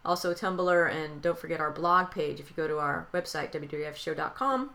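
A woman co-host with a bright, somewhat low voice chats loosely, laughing between thoughts and piling up fillers. She sounds like she is talking from home over a video call. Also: normal speed, gravelly. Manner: chatty and laughing, lots of fillers. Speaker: podcast co-host. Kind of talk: casual chat.

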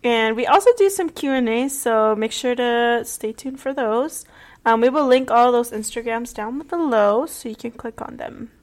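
Higher-voiced young woman podcast co-host. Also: normal speed. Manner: relaxed, hesitant, frequent "um" fillers. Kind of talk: casual chat.

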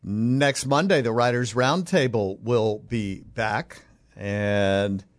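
A man's voice: fairly low pitch, slow pace, no echo. A man hosting a sports talk radio show, with processed broadcast sound. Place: dry radio studio.

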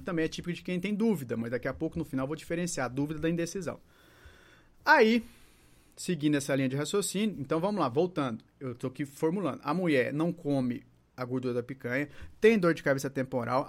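Um homem com sotaque brasileiro, voz um pouco alta de tom, explicando a matéria num tom coloquial. Ele conversa com a plateia e faz perguntas retóricas enquanto ensina. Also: male voice, fairly high pitch. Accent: Brazilian Portuguese. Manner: chatty, asks the audience rhetorical questions, acts out patient dialogues. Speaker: holistic therapist teaching. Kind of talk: informal video lesson to viewers.

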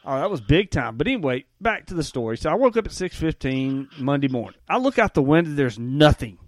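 A man hosting a podcast, telling a story in a rambling, folksy, animated way. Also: on the high side, a little fast, no echo, studio quality. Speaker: podcast host. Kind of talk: casual podcast chat.

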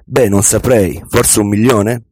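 A man's voice: on the low side, animated, normal speed, a little mellow, breathy edge, no echo. A man voicing an earnest young man who answers hesitantly and with doubt, read as an audiobook. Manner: hesitant, unsure. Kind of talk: audiobook reading.

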